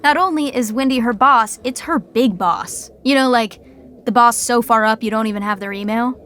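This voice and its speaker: A woman with a fairly high, fairly bright voice close to her everyday speech plays the gossipy narrator of a scripted sitcom podcast. At normal speed, she tells the story as a wry female storyteller, tossing in chatty asides about the characters.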